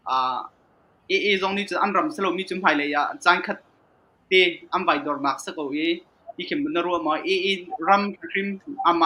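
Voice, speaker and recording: A man speaking in a panel discussion in an animated way. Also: fairly high pitch, muffled recording, a little hiss or hum.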